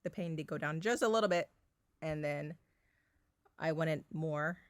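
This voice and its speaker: A woman's voice: low-pitched, unhurried, no room sound. A woman in her thirties chatting casually about a personal experience as a vlogger, filling her talk with fillers and little laughs, recorded in her bedroom at home. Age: 30s.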